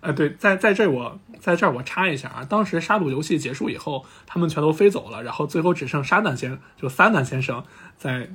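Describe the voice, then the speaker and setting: A man hosting a podcast, casually retelling a cartoon story with animated asides. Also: on the high side, brisk, husky. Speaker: podcast host.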